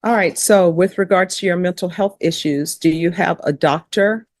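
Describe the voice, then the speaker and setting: A woman judge running a hearing in a measured, procedural way, with a few light fillers. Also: on the low side, a little mellow, no echo, clean studio sound. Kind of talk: courtroom proceedings.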